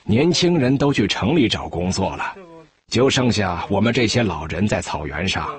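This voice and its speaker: Guy with a lowish voice, herder testimony for a documentary. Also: big pitch swings, moderate pace. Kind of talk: first-person documentary testimony.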